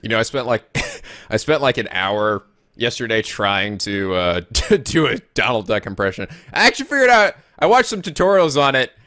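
A man's voice: medium pitch, very animated, normal speed, bright, forceful tone, dry recording, clean studio sound. A man giving casual, playful gameplay commentary, exclaiming and swearing freely as host. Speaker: gaming video host. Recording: game music behind commentary.

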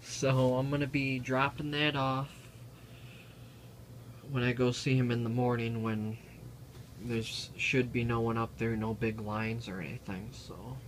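Guy doing a deadpan comedy vlog, slow and halting, ums everywhere. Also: mid-range voice, slight background noise, poor audio. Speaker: vlogger. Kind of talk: deadpan comic vlog monologue.

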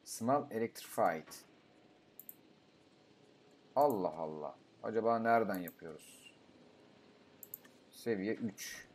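A young man giving casual gameplay commentary, talking to himself, swearing and breaking into excited outbursts. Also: fairly low pitch, slow pace, pauses often. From Turkey. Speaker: gaming YouTuber.

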